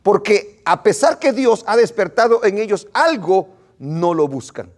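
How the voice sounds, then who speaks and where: A male pastor preaching a sermon to his congregation in an animated way, often repeating and restarting his words. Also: high voice, a little slow. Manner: animated, acts out what his congregation says.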